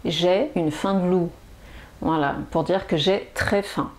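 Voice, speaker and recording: A woman teaching French expressions in a language lesson, saying each phrase several times with many pauses and fillers. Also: lowish voice, darkish tone. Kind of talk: slow, repetitive language lesson.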